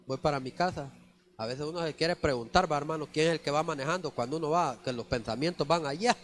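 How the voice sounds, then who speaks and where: A man's voice: on the high side, slight background noise. A man preaching a conversational church sermon, often calling the listeners brother. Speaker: lay preacher. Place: church sanctuary.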